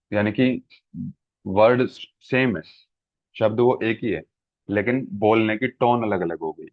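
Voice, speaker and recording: Male lecturer, lowish voice, patient explainer with examples, dry tinny phone-quality sound. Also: no room sound. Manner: explains with everyday examples, frequent "ठीक है" checks. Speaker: exam-prep teacher. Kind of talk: classroom lecture.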